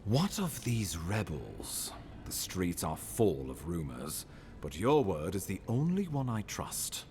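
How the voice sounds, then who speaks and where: A man's voice: low voice, very animated, slow, over music, exaggerated voice. A man playing a courtly, scheming ambassador in a fantasy video game, speaking formally and theatrically. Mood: eager, formal.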